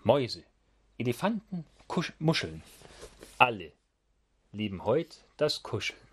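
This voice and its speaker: A man reading a rhyming children's story aloud in an expressive, sing-song manner. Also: medium pitch, takes it slowly, slight background noise.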